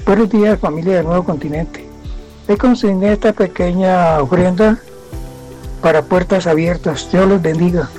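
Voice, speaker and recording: A man's recorded voice note is played over the radio, sounding a little distant from the phone. His voice sits high, and he delivers a polite, measured greeting and blessing. Faint music runs underneath. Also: darkish tone. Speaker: radio listener. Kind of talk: brief formal greeting.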